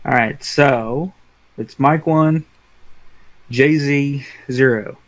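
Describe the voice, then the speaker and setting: A man co-hosting a casual podcast, reading out trivia questions and answer options slowly and deliberately. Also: medium pitch, dry recording, rough recording. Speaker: podcast co-host running a trivia quiz.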